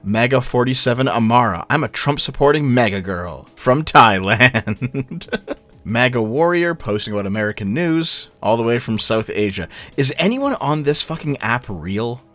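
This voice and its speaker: Guy ranting sarcastic and sweary, dull lo-fi low sample rate sound, faint music under it. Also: expressive, moderate pace. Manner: sarcastic and profane. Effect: muffled low-sample-rate audio. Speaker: online commentator. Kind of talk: casual scripted commentary.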